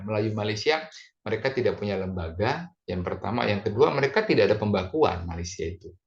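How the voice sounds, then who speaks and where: Low-voiced male lecturer. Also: lo-fi sound. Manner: rambling, many fillers and tag questions. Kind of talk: classroom lecture.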